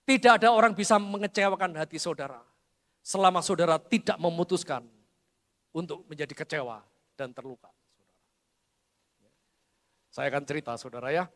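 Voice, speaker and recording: A man's voice: on the high side, moderate pace, long pauses, fairly bright tone. A middle-aged man, preaching a sermon to his congregation and telling family stories with humor. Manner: addresses the congregation as "saudara", storytelling with humor. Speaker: pastor. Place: large church hall. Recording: long church hall reverb.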